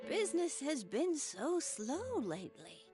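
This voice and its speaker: A woman's voice: high voice, big pitch swings, measured pace. An actress voicing a glum old woman shopkeeper in a video game, with an old hag voice. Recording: background music behind the voice.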